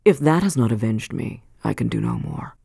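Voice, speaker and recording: A woman reading aloud and voicing a bitter, vengeful old man in a low, slow, menacing way. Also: lively intonation, vocal fry, dark tone, slightly rough, no room sound, studio quality, heavily acted.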